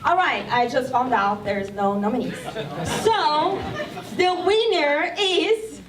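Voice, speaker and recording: A woman's voice: sits high, takes it slowly. A woman presenting awards on stage, playful and jokey. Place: event hall with a crowd. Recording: distant echoey hall with loud music and crowd.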